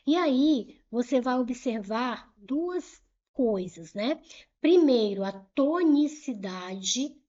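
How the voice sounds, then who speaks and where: A woman's voice: sits high, lively intonation, warm tone, highs cut off. A middle-aged woman teaching grammar in an online exam-prep lesson, explaining step by step, repeating key points and asking rhetorical questions, and urging viewers to keep moving. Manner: brisk and urging, pushes the viewer to move on.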